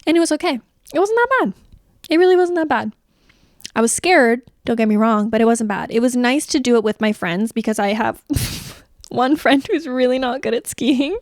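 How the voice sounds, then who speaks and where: A woman's voice: on the high side, normal speed, no echo, studio quality. A young woman hosting a podcast, talking in a chatty, rambling way full of "like" fillers. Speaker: podcast host. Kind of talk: casual chat.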